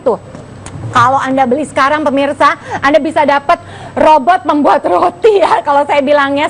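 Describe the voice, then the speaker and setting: A woman hosting a live infomercial, gushing excitedly as she pitches straight to the viewers. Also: a little hiss or hum. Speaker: home shopping host.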